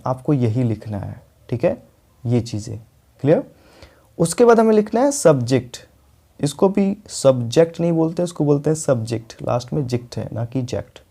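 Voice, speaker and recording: A man's voice: fairly high pitch, vocal fry, dark tone. A young man with an Indian accent teaching a spoken English lesson, explaining step by step and often checking with "ठीक है".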